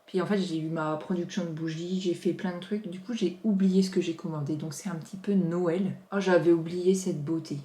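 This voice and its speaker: A woman's voice: on the low side, steady tone, brisk, few pauses, mellow. Gushing French woman in a roomy room. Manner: gushing, chatty, lots of exclamations. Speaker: vlogger. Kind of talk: casual unboxing chat. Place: home office. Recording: roomy echo.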